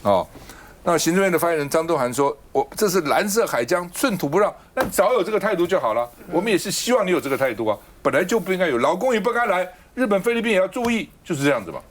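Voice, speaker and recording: A man's voice: high-pitched, very animated, rapid-fire. A man hosting a political talk show, arguing his points with a stream of rhetorical questions into a studio mic. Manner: argumentative, fires off rhetorical questions.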